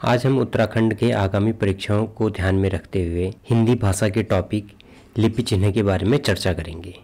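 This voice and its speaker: A man's voice: on the low side, normal speed, dark tone. A man teaching a Hindi grammar lesson for exam preparation, explaining steadily and reading out examples.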